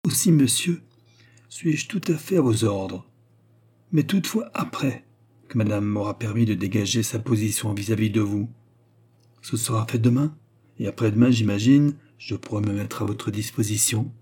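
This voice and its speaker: A man's voice: lowish voice, normal speed, darkish tone, slightly rough. A man voicing an intense young lover speaking with strong emotion. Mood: angry restrained. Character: passionate young lover, angry then tender.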